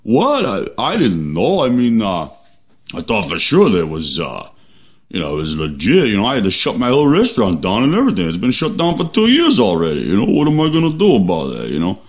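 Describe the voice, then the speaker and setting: A man doing a comedy impression of a good-natured, mumbling tough-guy boxer who talks in halting street slang. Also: on the low side, wildly swooping pitch, pitched above the performer's own voice. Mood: shocked. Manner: slurred, halting street talk, says "yo" and "you know".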